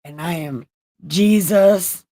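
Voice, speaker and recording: A woman in her forties hosting a casual livestream, loud and joking as she teases her friends. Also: lowish voice, slow, no room sound, low-quality recording. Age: 40s. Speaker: livestream host.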